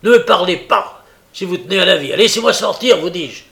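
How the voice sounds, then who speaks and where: A man reading aloud and voicing a violent male brigand who shouts threats. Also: high-pitched, animated, a little fast, creaky, voice pushed up, exaggerated voice. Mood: furious.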